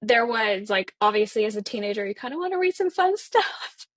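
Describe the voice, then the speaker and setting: Husky young woman. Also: on the high side, expressive, no echo. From northern Bangladesh. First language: Bangla. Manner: friendly, giggly, quick, trailing asides. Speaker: guest, writer. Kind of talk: casual interview chat.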